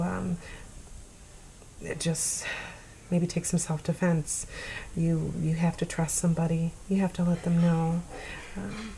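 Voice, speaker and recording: Earnest low gravelly woman, holding back tears. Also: dark tone, a little hiss or hum, low-quality recording. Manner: earnest, pleading, halting with sighs and pauses. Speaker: vlogger sharing her story. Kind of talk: personal address to camera.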